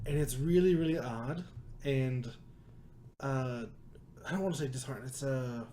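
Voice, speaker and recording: A man co-hosting a podcast, telling an animated story in casual chat and laughing often. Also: medium pitch, normal speed, a little hiss or hum. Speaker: podcast co-host.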